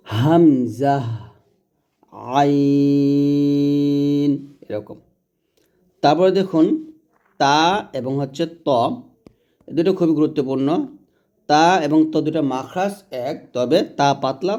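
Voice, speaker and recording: A man teaching Quranic letter pronunciation in a patient, repetitive way, drawing out each sound slowly to demonstrate it. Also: a little high, darkish tone, lo-fi sound. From Bangladesh. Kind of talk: recitation lesson.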